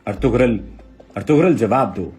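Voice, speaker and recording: A man's voice: mid-range voice, moderate pace, a little mellow, husky, faint music behind. A man reading the lines of a remorseful grown enemy commander, urgent and pleading, in a dramatic reading of dialogue.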